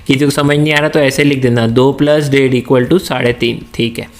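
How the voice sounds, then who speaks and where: A man's voice: mid-range voice, steady tone, normal speed. A male teacher giving a lecture, asking his students questions and answering them himself, mixing English terms into his speech. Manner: slips into Hindi-English mix. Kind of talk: classroom lecture.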